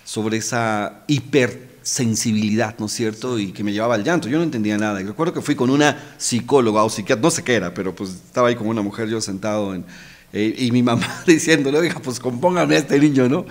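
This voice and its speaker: A man's voice: lowish voice, fast talker. Earnest, emotional man. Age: middle-aged. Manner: emotional, earnest, repeats words and adds tag questions. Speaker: podcast guest. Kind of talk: casual heartfelt conversation. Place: podcast studio.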